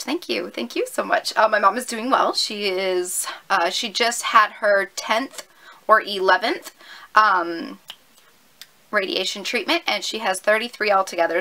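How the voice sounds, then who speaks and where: A woman's voice: mid-range voice, moderate pace, pushed and bright, poor audio. A woman of twenty-one, chatty and upbeat, answering viewer questions in a casual vlog filmed at home on a camera mic. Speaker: YouTuber.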